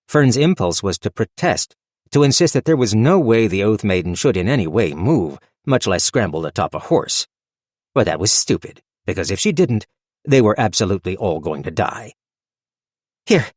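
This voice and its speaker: A man reading a fantasy audiobook as narrator in a steady, measured storytelling manner. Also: fairly low pitch, dry recording, studio quality. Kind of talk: scripted narration.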